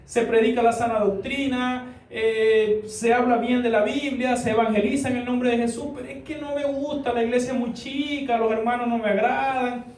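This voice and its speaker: A man's voice: very high-pitched, fairly even intonation, moderate pace, hardly any pauses, darkish tone, slight background noise. A man voicing a discontented young man who complains in an exasperated way about every church. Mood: complaining. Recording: echoey church room, distant mic.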